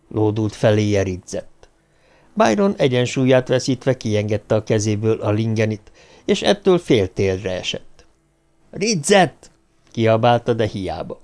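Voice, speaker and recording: Male audiobook narrator, mid-pitched. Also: darkish tone.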